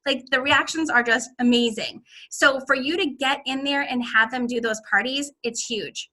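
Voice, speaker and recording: A middle-aged woman casually giving advice to her sales team, animated, often acting out excited voices. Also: sits high, normal speed. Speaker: direct sales team leader.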